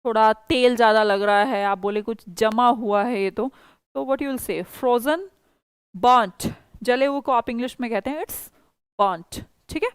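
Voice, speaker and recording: A woman teaching a spoken English class, explaining patiently and saying example sentences slowly. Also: a little high, smooth, no echo. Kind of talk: online class teaching, mixing Hindi and English.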